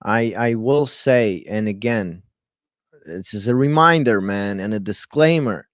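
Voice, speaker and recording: A man's voice: lowish voice, animated, measured pace, a bit bright, no echo, clean studio sound. A man from Western Ukraine hosting a casual conversation, asking direct questions and repeating words as he starts.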